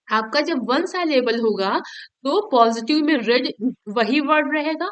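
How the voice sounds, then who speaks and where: A woman teaching from an exam paper, explaining each step and checking in with her students as she goes, reading English examples out slowly. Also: high voice, smooth.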